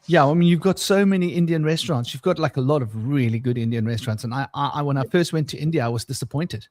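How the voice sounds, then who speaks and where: A man's voice: a little high, fast talker, a little mellow, dry recording. Rambling, jokey male podcast co-host. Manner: rambling, jokey, laughs often, many restarts. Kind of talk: casual conversational podcast chat.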